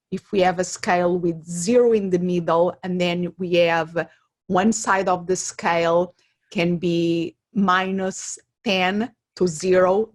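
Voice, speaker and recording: A middle-aged woman with a Portuguese accent and a lowish voice appears as an interview guest and career coach. She explains things conversationally, drawing on examples and personal stories.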